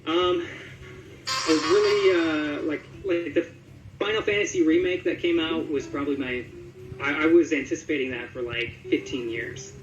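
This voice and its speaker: Speaking at normal speed in a slightly high voice, a voice actor talks casually in an interview, thinking aloud and hesitating now and then. The room echoes, with music running underneath.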